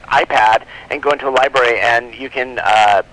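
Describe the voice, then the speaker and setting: Steady in tone and at a normal speed, this man's medium-pitched voice sounds fairly bright. A comic book publisher interviewed as a guest over a noisy phone call, he rambles casually, filling gaps with "like" and "you know."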